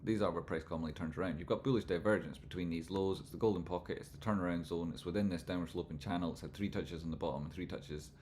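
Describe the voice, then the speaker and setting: Live chart commentary and casual viewer chat come from a Scottish trading analyst with a broad accent, hosting a livestream. He's low-pitched and darkish-toned, talking fast with few pauses, loosely and informally and without crisp enunciation, against slight background noise.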